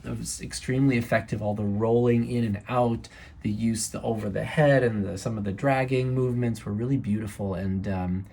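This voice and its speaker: A man with a husky, fairly low voice gives casual feedback as a judge. He is appreciative and thinks aloud, starting and restarting as he searches for the word. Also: steady tone, brisk, warm tone. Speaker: judge giving feedback on choreography.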